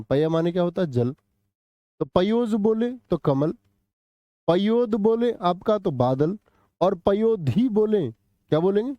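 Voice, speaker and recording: Male teacher on a live exam-prep stream, keeps questioning the class; higher pitch, warm and mellow, dry room. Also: no room sound, lo-fi sound. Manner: quizzes students with repeated questions, answers live chat. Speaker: Hindi teacher.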